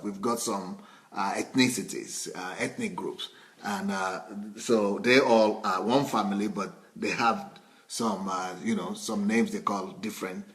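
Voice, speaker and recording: Conversational Nigerian pastor, man. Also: on the low side. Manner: conversational, with frequent restarts and repeated words. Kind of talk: sermon.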